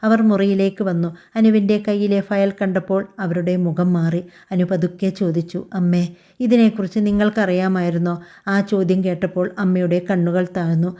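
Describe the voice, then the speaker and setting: A woman narrating a scripted family drama story in a calm, even storytelling voice. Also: lowish voice, brisk. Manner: calm, even storytelling voice that also reads all the characters' lines.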